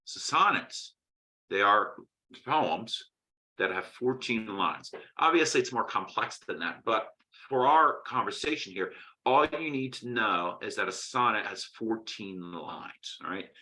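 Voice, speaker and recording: A man's voice: lowish voice, animated, a little slow, pushed and bright, poor audio. A man teaching a poetry lesson in a conversational way, often checking in with "right?" and restarting his phrases. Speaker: literature teacher. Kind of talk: recorded poetry lecture.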